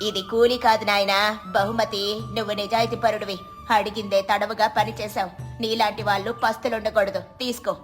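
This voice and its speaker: A woman's voice: mid-range voice, level tone, moderate pace, faint music behind, natural voice. Storybook figure: no-nonsense village innkeeper woman, commanding and motherly, a woman doing her. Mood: firm, kind. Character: stern but kind innkeeper woman.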